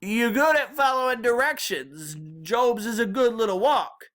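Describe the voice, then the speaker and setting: A woman's voice: a little high, animated, measured pace, fairly bright tone, pitched above the performer's own voice. A woman voicing a feisty, bossy old grandmother with a Southern American accent and a folksy, scolding, emphatic way of talking, as in a storybook. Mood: brisk, folksy.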